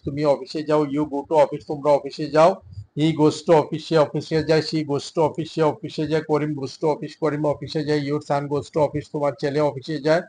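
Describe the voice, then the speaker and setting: A man with a Bengali accent teaching an English lesson, reading each drill sentence in English and then in Bengali, steady and measured. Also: a little high, a little hiss or hum.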